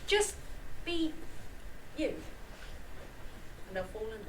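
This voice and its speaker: A woman's voice: a little high, big pitch swings, slow pace. A woman in a rehearsed play reading, acting an encouraging young shop worker, casual and understated. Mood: encouraging, offhand. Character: supportive, casual young supermarket deli worker, gently encouraging. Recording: distant mic, clear background noise.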